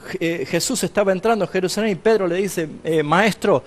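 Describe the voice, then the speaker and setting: Argentine preacher, high voice, lively storyteller asking the room questions, long church-hall reverb. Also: male voice, fast talker. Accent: Argentine Spanish. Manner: storytelling, acting out dialogue, asks the audience questions. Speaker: pastor teaching a seminary class. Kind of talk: sermon-style Bible lesson.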